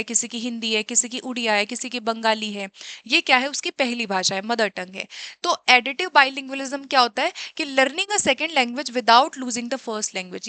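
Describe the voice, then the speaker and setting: Bright high-voiced woman teacher. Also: dry recording. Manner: explains step by step, asks and answers her own questions. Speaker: exam-prep teacher. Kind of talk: Hindi-English mixed lecture.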